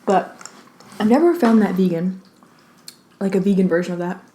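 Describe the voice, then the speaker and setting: A woman's voice: medium pitch, warm tone. Woman chatting casually over food, echoey room. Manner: pauses to take bites and chew; informal, peppered with "like". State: slightly out of breath. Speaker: mukbang host. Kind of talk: casual chat while eating. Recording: roomy, echoey indoor sound.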